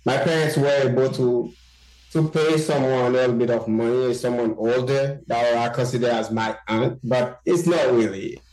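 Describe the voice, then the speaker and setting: A man from Haiti, a journalist guest in an interview, talking haltingly with many fillers and restarts. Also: medium pitch, steady tone, a little mellow. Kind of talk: interview conversation. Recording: roomy echo.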